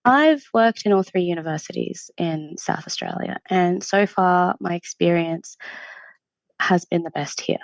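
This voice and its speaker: A lower-voiced woman from Syria answers questions about student support in a friendly, earnest manner, often pausing on "um." Her voice comes across dry and close, with a dull, lo-fi sound like a livestream. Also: dry recording. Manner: friendly, many ums, earnest. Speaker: university international student support staff. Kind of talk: interview answers. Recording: dull lo-fi stream audio.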